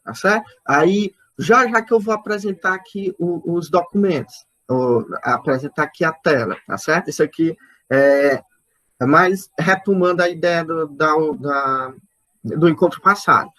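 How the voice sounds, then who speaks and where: A male literature lecturer from Brazil speaks on an online poetry lesson, his voice sitting a little high. He works through his points slowly, repeating words and stopping to check in with his listeners. At times he counts out syllables and stresses aloud. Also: fairly bright tone. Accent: Brazilian Portuguese.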